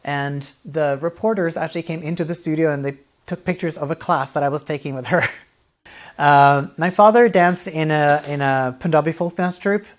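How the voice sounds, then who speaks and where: A man, answering interview questions in a friendly, relaxed way, often laughing and pausing with fillers. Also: fairly high pitch. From Norway. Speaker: guest, dance artist.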